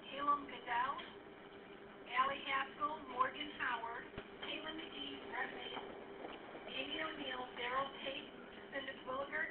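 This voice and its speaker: Woman announcing over a school intercom. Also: high-pitched. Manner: formal, reads out a list of names. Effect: heard over a school intercom loudspeaker. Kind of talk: public address announcement. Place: classroom, heard through the intercom. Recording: tinny echoey loudspeaker from far off, noisy.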